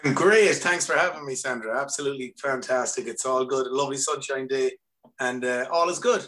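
A man's voice: mid-range voice, fairly quick, a bit bright. A man with a west of Ireland accent chatting casually in an upbeat, rambling way as a musician guest. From County Mayo, west of Ireland. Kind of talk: casual chat. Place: remote video call.

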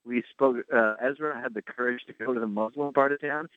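A man's voice: medium pitch, brisk, no echo. A man speaking as a guest over the phone in casual, blunt, joking chat, his audio glitching and breaking up. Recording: tinny phone line, dry.

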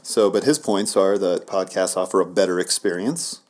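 Low-voiced man chatting in an echoey office. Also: moderate pace. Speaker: podcast co-host. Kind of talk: casual chat. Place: office, indoors.

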